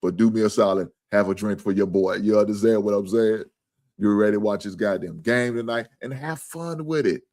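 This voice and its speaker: A man's voice: fairly low pitch, a little fast, a little mellow. A man hosting a live sports stream in casual, profane talk, earnest and repetitive.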